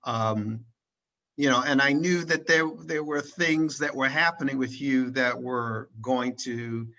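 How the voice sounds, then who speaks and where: Bright-voiced man hosting a rambling interview. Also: mid-range voice, measured pace, lo-fi sound. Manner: rambling, many restarts and tag questions. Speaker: interviewer and channel host. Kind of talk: casual conversational interview. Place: at home in Switzerland, recorded over a video call.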